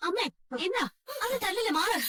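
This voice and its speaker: A woman's voice: extremely high pitch, normal speed, sharp tone. A woman voicing a caring young elder sister who soothes and urges, in a fan-dubbed drama. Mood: urgent. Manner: soothing yet urgent.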